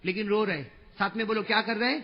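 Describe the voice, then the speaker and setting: A man with a strikingly high voice and an Indian Urdu accent delivers a fiery religious sermon, pressing the crowd to answer him aloud. He drops to hushed storytelling, then climbs to crying shouts. The recording is muffled and lo-fi, as if taken through a public address system. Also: fairly even intonation, in a large hall. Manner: call-and-response, urging the crowd to answer aloud. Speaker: preacher. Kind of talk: impassioned religious sermon at a gathering.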